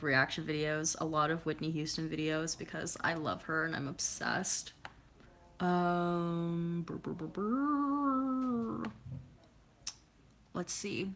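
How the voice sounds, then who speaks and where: A YouTuber in her twenties chats casually at home on a livestream, reading comments aloud as she rambles, adding plenty of fillers and goofy sound effects. Her voice is lowish with a fairly bright tone.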